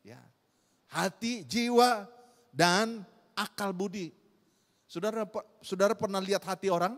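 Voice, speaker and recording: High-voiced pastor preaching in a reverberant hall. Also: male voice, unhurried, a bit bright. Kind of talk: sermon. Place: church hall.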